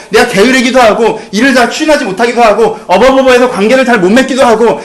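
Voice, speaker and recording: Animated high-voiced male pastor preaching. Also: roomy sound. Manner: rhetorical questions to the congregation, shifting between hushed and emphatic. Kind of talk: sermon.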